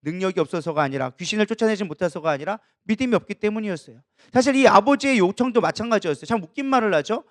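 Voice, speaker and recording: A man's voice: high-pitched, quick pace, hardly any pauses, no room sound, clean studio sound. A man preaching a sermon as pastor, asking the listeners questions as he explains the passage. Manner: lively preaching with rhetorical questions.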